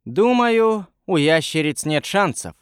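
A man voicing a young girl sorceress who speaks softly and thoughtfully, tired but determined. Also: fairly high pitch, animated, slow, clean tone, no room sound, studio quality, voice pushed up.

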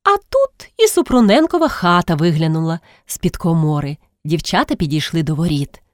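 A woman narrating a classic story in a measured, expressive reading. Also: sits low, no room sound, clean studio sound.

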